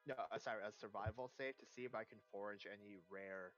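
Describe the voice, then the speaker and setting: A man playing a tabletop game over a dull, lo-fi voice chat. He speaks in a mid-range voice and hesitates a lot, filling pauses with uh and um, while faint music plays behind him. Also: fairly low pitch, steady tone, fairly bright tone. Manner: hesitant, many uh and um fillers. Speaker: player. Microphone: online voice chat.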